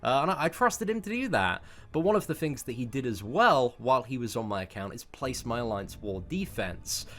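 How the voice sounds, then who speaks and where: With a medium-pitched, sing-song, fairly bright voice, a male YouTuber in his twenties rattles through a personal story at a fairly quick clip, barely pausing. He's casual and sweary, rambles, and repeats words for emphasis.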